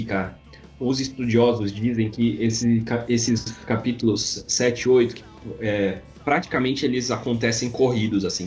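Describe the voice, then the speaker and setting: A Brazilian man co-hosting a church podcast, explaining a Bible passage in a relaxed, conversational way. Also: mid-range voice. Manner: conversational, addresses partner as "cara". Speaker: Bible study podcast co-host. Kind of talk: casual Bible teaching chat.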